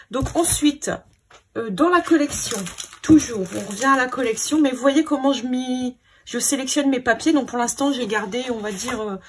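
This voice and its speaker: A woman's voice: fairly high pitch, slight background noise. A woman hosting a scrapbooking video, thinking aloud in a hesitant, casual way as she sorts her papers. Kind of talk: casual crafting commentary.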